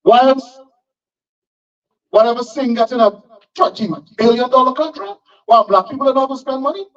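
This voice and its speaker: A man's voice: very high voice, normal speed. Emphatic man speaking from afar. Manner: emphatic, rising to sharp outbursts. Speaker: panelist at a town hall. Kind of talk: impassioned public speech. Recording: distant, dull lo-fi sound.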